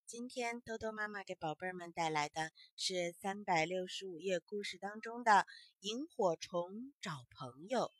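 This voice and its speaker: A woman telling a children's bedtime story in a gentle, coaxing sing-song, asking the little listeners questions. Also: medium pitch, normal speed, hardly any pauses, no room sound, studio quality.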